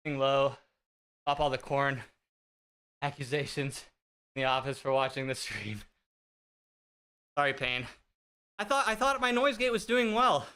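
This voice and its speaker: Animated yet measured, with long pauses, this man's mid-range voice sounds sharp, clear, and resonant. A thirtysomething fitness streamer, he chats and jokes at his own expense with viewers while on an indoor bike, recorded on a noise-gated streaming desk mic.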